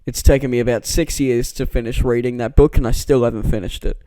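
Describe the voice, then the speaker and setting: A male vlogger rambles through a self-deprecating monologue in an indoor room, frequently stammering and restarting words. His medium-pitched voice is steady, quick, and dark, and the dry recording comes from a close mic that pops on plosives.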